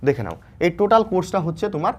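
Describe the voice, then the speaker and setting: A Bengali-accented man from West Bengal is teaching students in an informal explainer. His voice sits a little higher than most men's. He keeps checking in with his listeners and often restarts his phrases. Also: sing-song, fast talker, darkish tone. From West Bengal, India. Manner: informal, repeats "ঠিক আছে?" to check understanding, frequent fillers and restarts. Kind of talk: explainer lesson addressed to students.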